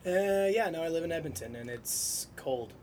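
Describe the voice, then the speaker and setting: A man from southwestern Saskatchewan, Canada, a podcast guest whose voice is hoarse from shouting, chatting in an easygoing, matter-of-fact way. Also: on the high side, lively intonation, moderate pace, a crowd in the background. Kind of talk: casual chat.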